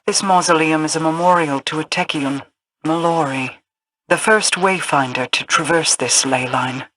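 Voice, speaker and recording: An actress voices a cold, regal, imperious queen in a video game, delivering formal lines with measured haughtiness. Her pitch is low, the performance lightly acted, and there is background noise.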